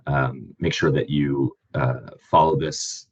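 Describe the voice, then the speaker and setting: A man hosting an online grant presentation, hoarse from a cold, speaking in a plain, halting way with frequent ums. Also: very deep voice, fairly even intonation. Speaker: webinar host and grant manager.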